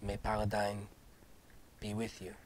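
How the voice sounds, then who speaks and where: A man voicing a solemn, courteous knight in a tabletop game, speaking formally and gravely in measured phrases. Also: lowish voice, completely flat delivery, slight background noise, voice pushed down, close to an everyday voice, low-quality recording. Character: solemn, courteous male knight bidding allies farewell. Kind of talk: tabletop game character acting.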